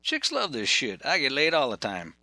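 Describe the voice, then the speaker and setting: A man's voice: mid-range voice, huge pitch swings, normal speed, sharp tone, no echo, pitched above the performer's own voice, full character voice. A man voicing a crude, boastful young Southern carpenter in his twenties. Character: cocky young Southern male carpenter, ex-convict.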